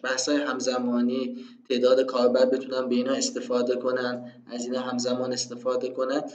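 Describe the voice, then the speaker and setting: A man's voice: medium pitch, roomy sound. Male tutor, casual lesson delivery with rhetorical asides, lo-fi mic. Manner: conversational, rhetorical self-questions, frequent fillers. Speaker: programming instructor. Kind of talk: screen-recorded tutorial explanation.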